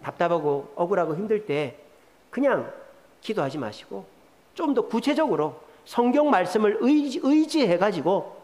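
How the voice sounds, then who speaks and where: A man's voice: sits high, sing-song, normal speed, a little mellow. A male pastor preaching a sermon with emphatic delivery, acting out prayers and quoted speech in dramatic voices. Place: church sanctuary. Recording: long reverb of a church hall.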